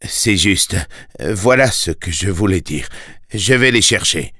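A man voicing a gruff, harsh stepfather in a storybook, curt and scolding. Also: low voice, animated, slow pace, bright, forceful tone, no room sound, exaggerated voice.

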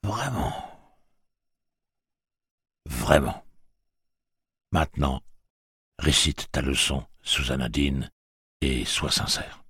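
A man voicing a tough woman gunslinger in a wheelchair, speaking intensely and deliberately in an audiobook. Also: very deep voice, steady tone, a bit bright, husky, no echo, clean studio sound, full character voice.

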